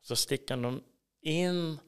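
A Swedish-accented man with a smooth, slightly high voice recounts his journey of faith during a casual interview. His earnest delivery shifts from quiet whispers to forceful, emphatic moments.

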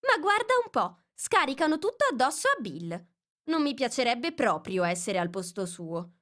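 Alice, a woman doing a bold lively young girl. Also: on the high side, normal speed, pitched above the performer's own voice. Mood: indignant. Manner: lively, exclaiming.

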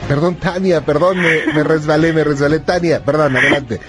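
A man's voice: a little high, fairly even intonation, moderate pace, over loud music. A man hosting a radio call-in show, listening closely and answering with short acknowledgments. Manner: attentive, frequent short acknowledgments.

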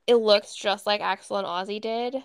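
A woman's voice: medium pitch, fairly even intonation, normal speed, clear, resonant tone, dry recording. A young woman co-hosting a podcast, telling an emotional family story in a chatty way with frequent laughter. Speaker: podcast co-host. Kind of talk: casual chat.

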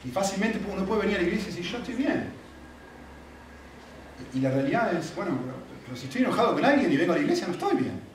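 A man preaching a sermon in an animated, conversational way, often checking in with his listeners. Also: high-pitched, rapid-fire, few pauses, slight background noise. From Argentina. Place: church hall. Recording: echoey hall, mic from a distance.

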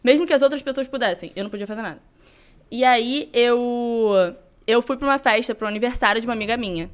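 Young woman, rapid animated storytelling, slightly high voice. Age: young adult. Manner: animated, acts out other people's lines. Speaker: podcast guest. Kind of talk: casual storytelling.

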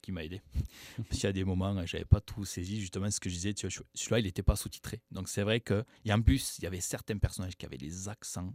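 A man's voice: sits low, quick pace, darkish tone, dry recording. A man co-hosting a radio show, casually and chattily retelling a film plot in a studio.

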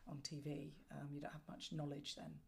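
A middle-aged woman answering interview questions conversationally as a guest, reflective and measured, with emphatic phrasing. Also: low voice, little pitch movement, creaky. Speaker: podcast guest, storyteller and former broadcast journalist.

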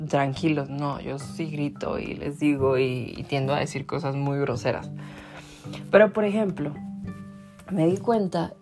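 A man's voice: fairly high pitch, darkish tone. A man with a Mexican accent hosting a podcast, chatting casually to his listeners and filling his talk with "o sea". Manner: chatty, many "o sea" fillers. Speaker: podcast host.

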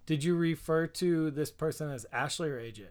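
Man, podcast host, slightly high voice, probing questions, joking asides. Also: brisk, darkish tone. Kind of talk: casual chat.

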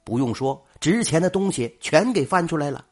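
An older man narrating a folk tale in a dramatic, lively manner. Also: on the high side, normal speed. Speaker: storyteller.

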